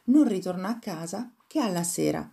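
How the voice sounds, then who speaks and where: A woman narrating an old fairy tale for children in a calm, even read-aloud manner. Her voice sits a little low and stays steady from line to line. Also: normal speed, vocal fry. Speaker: storyteller.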